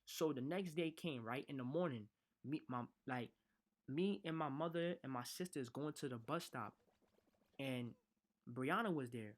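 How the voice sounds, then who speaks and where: A man's voice: mid-range voice, moderate pace. A man tells a personal storytime in casual street slang. He rambles, restarts sentences and circles back as he goes. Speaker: vlogger.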